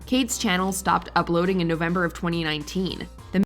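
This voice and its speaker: Woman narrator, lowish voice, scripted countdown, faint music behind. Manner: even, measured countdown delivery.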